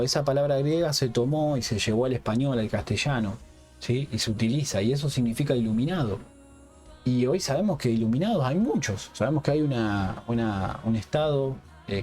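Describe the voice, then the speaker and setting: A man's voice: medium pitch, warm tone. A man giving an unscripted Bible teaching for a Hebrew-roots ministry, checking in with a questioning "yes?" after nearly every phrase and often restarting words.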